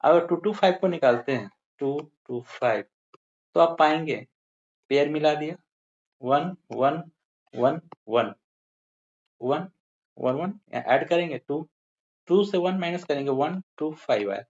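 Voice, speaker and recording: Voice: mid-range voice, animated, unhurried, long pauses, a little mellow. A maths teacher giving a step-by-step lesson, counting through each sum aloud and addressing the pupils as dear children. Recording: slightly muffled with faint hiss.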